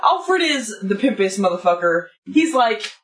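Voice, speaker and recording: A woman co-hosting a podcast, talking loudly and emphatically with constant swearing. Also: mid-range voice, big pitch swings, unhurried, echoey room, recorded from a distance. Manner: loud, profane, emphatic. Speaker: podcast co-host. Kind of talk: casual drunk chat.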